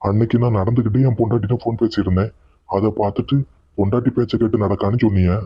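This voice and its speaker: Man voicing a fast-talking cartoon son. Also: lowish voice, steady tone, husky, no room sound. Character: young husband and son, hurried and defensive. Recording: dull lo-fi dry audio.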